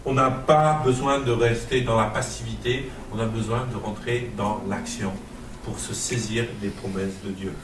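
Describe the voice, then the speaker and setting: A man's voice: medium pitch, fairly even intonation, normal speed, reverberant, recorded from a distance, slight background noise, low-quality recording. A man preaching a sermon with a Marseille accent, emphatic and rhetorical, repeating phrases and building to fervent peaks. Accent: Marseille French.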